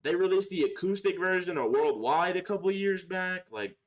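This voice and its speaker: A young male live streamer chats casually with viewers, answering them in slangy, profane, opinionated talk. His voice is high, animated, and fairly quick.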